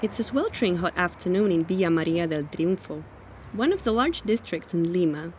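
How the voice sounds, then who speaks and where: A woman from Finland reading a scripted documentary narration as a reporter, calm and measured. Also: fairly low pitch, a little hiss or hum.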